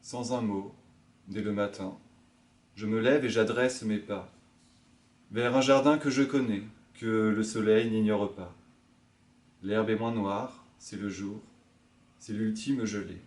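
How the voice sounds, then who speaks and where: Man reading poetry in a hushed voice. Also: fairly low pitch, steady tone, takes it slowly, pauses often. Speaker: librarian.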